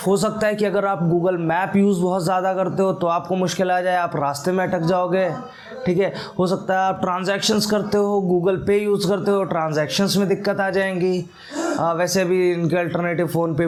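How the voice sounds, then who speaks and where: A man's voice: high voice, darkish tone. Chatty man explaining tech. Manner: chatty, conversational, many fillers and self-corrections. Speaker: tech YouTuber host. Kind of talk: casual explainer talk to camera.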